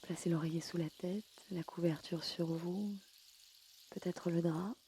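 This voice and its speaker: A woman leading a guided yoga nidra sleep meditation in a slow, soft and soothing way. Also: on the low side, steady tone, a little hiss or hum.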